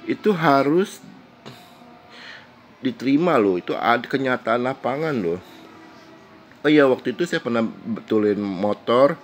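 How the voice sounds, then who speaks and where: A man's voice: medium pitch, slight background noise. A man vlogging casually to his viewers with a stuffy, congested nose from a cold, chatty and repeating himself. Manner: chatty, repeats himself, slow deliberate counting. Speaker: YouTube vlogger. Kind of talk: casual monologue to camera.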